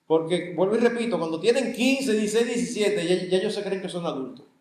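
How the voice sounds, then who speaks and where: Older Dominican pastor preaching in an echoey hall. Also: male voice, high voice, animated, fast, a little mellow. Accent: Dominican Spanish. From Dominican Republic. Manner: conversational, acts out family dialogues with voices. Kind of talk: sermon. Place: church hall.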